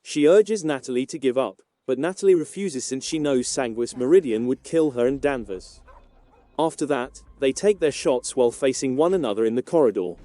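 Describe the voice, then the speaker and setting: Dark-voiced man narrating TV recaps. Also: medium pitch, normal speed. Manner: steady, even read-through of plot events.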